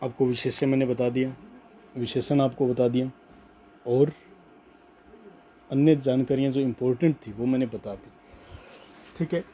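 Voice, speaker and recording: Guy teaching grammar to students, mellow voice, dictates slow and repeats stuff a lot. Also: mid-range voice, steady tone, a little hiss or hum. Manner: slow emphatic dictation, repeats words, frequent "ठीक है". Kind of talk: Hindi grammar lesson, dictating notes.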